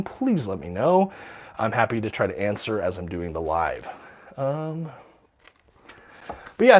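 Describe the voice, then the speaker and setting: A man's voice: medium pitch, a little mellow. Casting: man, livestream host, enthusiastic and chatty, slightly stuffy and short of breath. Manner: enthusiastic, many ums and uhs, reads out viewer questions. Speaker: livestream host showing his comic collection. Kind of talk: casual livestream chat.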